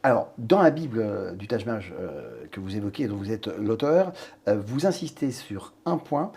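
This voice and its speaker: A man interviewing a guest, asking brisk, formal questions. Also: lowish voice, sing-song, mellow, breathy edge. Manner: brisk, introducing and prompting.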